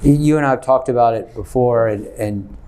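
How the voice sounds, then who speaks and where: A man's voice: mid-range voice, normal speed, mellow. Man hosting an interview show. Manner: friendly, with brief acknowledgments. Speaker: show host.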